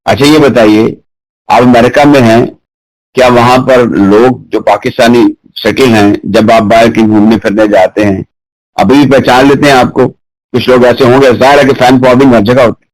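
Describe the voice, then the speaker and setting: A man's voice: mid-range voice, steady tone, normal speed, no room sound, rough recording. A man from Pakistan hosting a radio sports program, interviewing a guest politely and formally. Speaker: radio sports show host.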